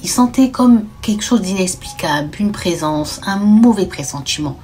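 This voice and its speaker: A young woman narrating a horror storytime in a casual, animated way. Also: medium pitch, moderate pace, soft background music. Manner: animated, drops to whispers at tense moments.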